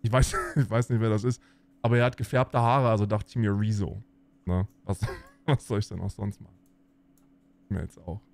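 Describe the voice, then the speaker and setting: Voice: medium pitch, fairly even intonation, moderate pace, long pauses, darkish tone. A streamer in a played clip, talking casually with a dry, dismissive manner.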